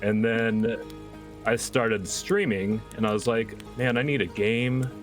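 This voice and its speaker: A man speaking as a guest streamer in a relaxed, conversational way. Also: on the low side, slow, faint music behind. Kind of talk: casual chat.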